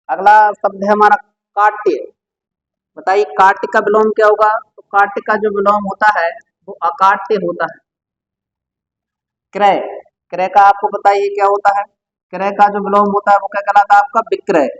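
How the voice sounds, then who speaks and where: High-voiced man teaching vocabulary. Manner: quizzing the listener with repeated questions. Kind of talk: exam-prep Hindi vocabulary lesson. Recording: dull lo-fi sound.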